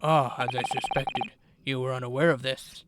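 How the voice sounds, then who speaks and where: A man voicing a composed, formal male professor from a video game, speaking in a measured way. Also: mid-range voice, fairly even intonation, very noisy, close to an everyday voice. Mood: grave, measured. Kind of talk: video game dialogue read aloud. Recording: loud game music behind voice.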